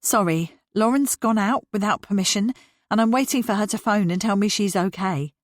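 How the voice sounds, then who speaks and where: A woman reading the part of a frazzled single mother who jokes breezily and snaps briskly when worried. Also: mid-range voice, no room sound, studio quality, voice pushed up, lightly acted. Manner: brisk, breezy banter turning anxious. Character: frazzled single mother, quick-tongued and anxious.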